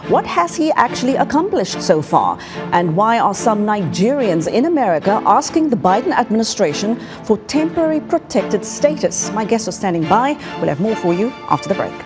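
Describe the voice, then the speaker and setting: A woman hosting a broadcast talk show, speaking in a polished, measured presenter's manner. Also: medium pitch.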